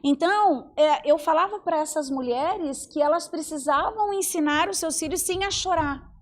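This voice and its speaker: A woman in her forties, a psychologist and mentor, talking in an animated way on a podcast and acting out the voices she quotes. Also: high voice, moderate pace. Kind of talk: podcast conversation.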